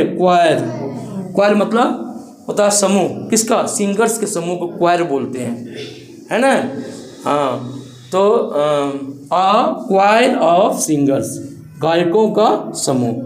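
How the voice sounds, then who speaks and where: A man teaching an English grammar lesson to students in a classroom. He drags out the English phrases slowly and keeps checking in with tag questions. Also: sits high, lively intonation, darkish tone, reverberant, slight background noise, low-quality recording.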